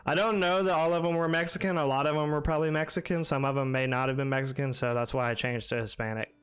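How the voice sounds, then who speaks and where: A man's voice: on the high side, steady tone, quick pace, a bit bright, clean tone, faint music behind. A young man streaming a game live, chatting casually and rambling with lots of fillers while answering his chat.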